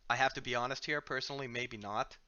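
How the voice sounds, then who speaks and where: Speaking into a headset mic with a Finnish accent, this man from Finland hosts his company's game livestream, chatting casually as he plays and reads out viewer questions. He talks fast in a mid-range, clean-toned voice, easygoing and self-mocking, often using fillers and starting over. The recording is muffled.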